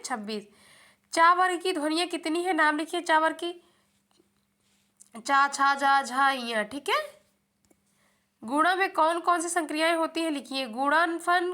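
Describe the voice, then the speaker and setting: A young woman with a high, bright voice teaches an exam-prep lesson. She often puts a question to the viewer and answers it herself, keeping a steady teaching rhythm. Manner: repeats questions back to the viewer, calls them friends.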